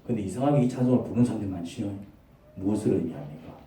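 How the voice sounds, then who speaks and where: A male pastor with a Gyeongsang dialect preaching a lively, conversational sermon that acts out dialogues. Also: lowish voice, racing. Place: church sanctuary. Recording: echoey church hall, mic far off.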